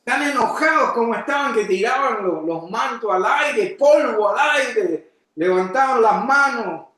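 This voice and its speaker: A man preaching a sermon as pastor, asking his congregation questions and breaking into sudden shouted emphasis. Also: very high voice, lively intonation, moderate pace. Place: church. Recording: echoey church hall.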